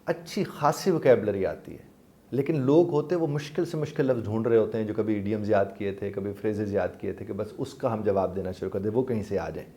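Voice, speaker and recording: A man's voice: lowish voice, dark tone. A man, a life coach and trainer, patiently explaining with polite forms of address to his listeners.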